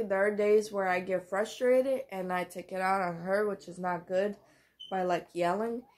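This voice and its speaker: Slow, soft-spoken young mom. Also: female voice, medium pitch. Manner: soft-spoken, many fillers, candid. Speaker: mom vlogger. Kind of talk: casual vlog talk.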